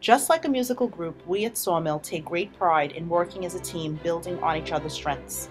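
A woman from the school staff giving a formal, measured talk to camera. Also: on the low side, soft background music.

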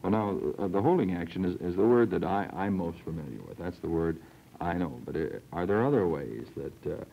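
A man's voice: low-pitched, animated, a little fast, vocal fry, slight background noise. A young man hosting a TV panel, asking long, hesitant questions at a studio desk microphone, with old film sound. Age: young adult. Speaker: host. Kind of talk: TV panel discussion. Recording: dull 1960s TV film sound.

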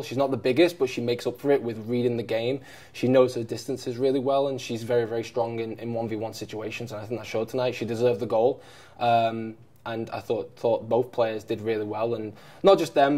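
Standing before a sponsor backdrop in the press room, a head coach in his thirties looks back on a match, full of fillers and false starts. He has a mid-range, darkish-toned voice.

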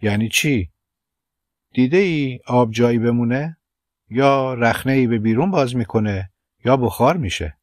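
A man reading the part of a calm, knowing man in an audiobook, quiet and even. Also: mid-range voice, no echo, studio quality, natural voice. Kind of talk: audiobook character voice.

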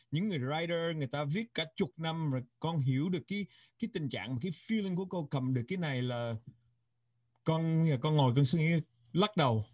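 Male interview host, US-born, slightly high voice, dry close recording, earnest tone. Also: dry recording. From United States. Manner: earnest, mixing Vietnamese and English.

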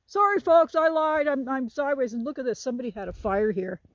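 High-voiced and quick, a woman in her sixties chats to her phone camera while walking a hilltop trail with fellow hikers. She's talkative and playful, laughing often as she vlogs outdoors.

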